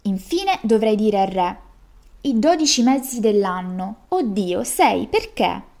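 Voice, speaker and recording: Storybook peasant girl, young, clever, sly, slow deliberate riddles, voiced by a woman. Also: mid-range voice, big pitch swings, a little mellow.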